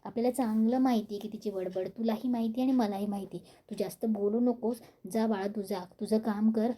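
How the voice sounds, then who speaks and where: A woman voicing a calm, protective older father in a retold soap scene, soothing but firm. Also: a little high, a little fast, close to an everyday voice.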